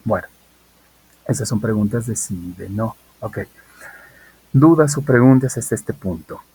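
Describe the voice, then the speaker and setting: A man, an online high school tutor recording a video lesson, patiently drilling English example questions. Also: expressive, a little slow, a little mellow, slightly rough, poor audio.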